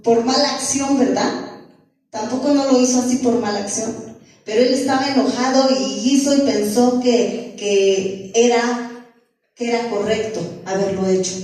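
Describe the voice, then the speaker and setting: Preaching a sermon in church, a woman speaks earnestly, often repeating herself and putting questions to the congregation. Her voice is a little high and warm. She's picked up from a distance in an echoey church room.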